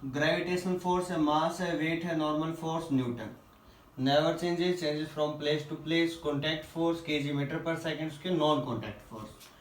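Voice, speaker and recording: A male physics teacher going through quiz questions, asking the class questions and answering them himself, reading English questions slowly before explaining. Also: a little high, distant mic. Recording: echoey room, voice a little off-mic.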